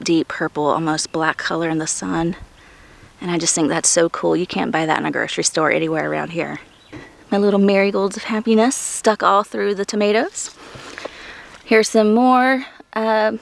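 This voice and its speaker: A woman in her thirties walks through her vegetable garden outdoors, chatting eagerly as she points things out. Her voice has a gravelly, creaky edge and sits at a middle pitch. She is a little out of breath from the heat. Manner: chatty, enthusiastic, thinking aloud. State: hot and breathing heavily. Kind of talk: casual garden tour vlog.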